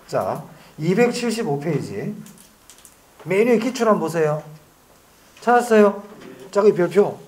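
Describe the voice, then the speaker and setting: A man gives an exam-prep lecture in a high, sing-song, slightly mellow voice, drilling students with rapid back-and-forth questions and slowly stretching out key phrases.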